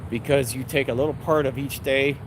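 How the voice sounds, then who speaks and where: Clear background noise of a vehicle or the outdoors surrounds a middle-aged man with a mid-pitched voice. He rambles casually to his vlog followers in a blunt, salty, somewhat abrasive way. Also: steady tone, fairly quick. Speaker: vlogger. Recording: noisy outdoor or vehicle ambience.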